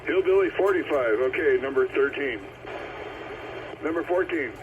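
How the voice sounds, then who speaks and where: Static and noise fill the background as a man runs a CB radio roll call, repeating and confirming numbers procedurally. He talks at normal speed with a fairly high pitch, and the transmission sounds tinny and very noisy.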